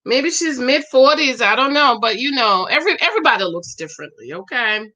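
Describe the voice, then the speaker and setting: This sassy woman in her forties chats her way through a show review on a livestream, reacting to comments as she reads them out. She speaks fairly quickly with lively intonation, her pitch high and her tone bright and forward.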